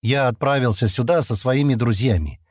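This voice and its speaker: A man reading an audiobook, voicing a clever, polite young man who lays out his questions calmly and methodically. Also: mid-range voice, no echo, studio quality, natural voice. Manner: measured, businesslike.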